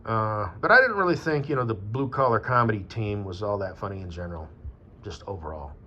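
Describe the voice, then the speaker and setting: A man's voice: on the low side, animated, fairly quick, pushed and bright, a little hiss or hum. A man from Wyoming talking in a rambling, casual monologue, meandering with fillers and swearing. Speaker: vlogger. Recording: dull lo-fi with faint ambience.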